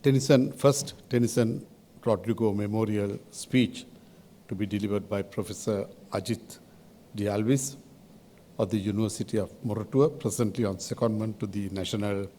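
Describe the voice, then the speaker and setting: An older man with a Sri Lankan accent delivers a formal podium speech as a chairman, in measured, halting phrases with deliberate pauses. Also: on the low side, steady tone, mellow, slight background noise. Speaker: advisory committee chairman giving a welcome address.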